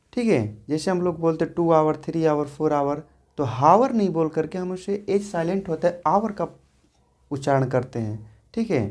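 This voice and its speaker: Woman teacher, lowish mellow voice, patient grammar lesson, keeps saying theek hai. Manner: explains patiently, asks and answers her own questions; repeats "theek hai" to check understanding. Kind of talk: classroom lesson.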